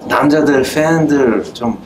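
A man's voice: medium pitch, slow pace, crowd noise. A man in his thirties with a Korean American accent, hosting a casual interview in simple, loosely built phrases. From United States. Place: indoor rehearsal room with drum kit. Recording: distant mic, music behind.

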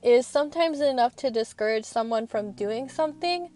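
A young adult student vlogger sits in her parked car recording a casual, meandering voice-over over quiet, gentle music. Her earnest, frank delivery is slightly high-pitched, with lively intonation at a normal speed.

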